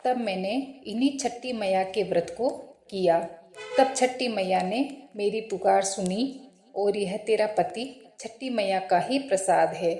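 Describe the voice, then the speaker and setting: A woman voicing a kind, devout old mother-in-law in a spoken storybook tale, gently pleading. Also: mid-range voice, close to an everyday voice. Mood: gentle. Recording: roomy echo.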